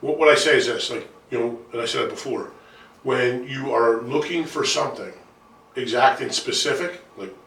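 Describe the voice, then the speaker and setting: A man hosting a podcast, telling quick, lively stories in casual interview chat. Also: mid-range voice, reverberant, distant mic. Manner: quick, energetic storyteller. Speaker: podcast host.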